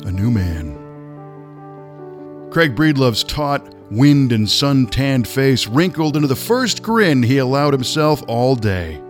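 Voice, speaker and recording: Male narrator, mid-pitched, scripted nonfiction reading, measured pacing, guitar softly behind.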